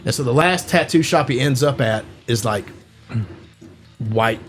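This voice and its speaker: A man's voice: medium pitch, lively intonation, unhurried, soft background music. Rambling man retelling a movie. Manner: rambling, filler-heavy storytelling, acts out quotes. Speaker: podcast host. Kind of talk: casual chat.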